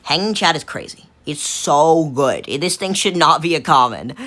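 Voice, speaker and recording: A woman's voice: sits low, animated, normal speed, a bit bright. A woman giving casual tier-list commentary on a card game, thinking aloud and rambling with fillers and restarts. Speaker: gaming video creator.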